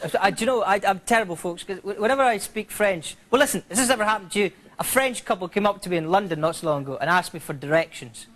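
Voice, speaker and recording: A man's voice: sits high, fast, few pauses, fairly bright tone, slight background noise. A Scottish man doing a playful, rambling stand-up routine on a TV studio stage. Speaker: stand-up comedian. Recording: live studio with audience laughter.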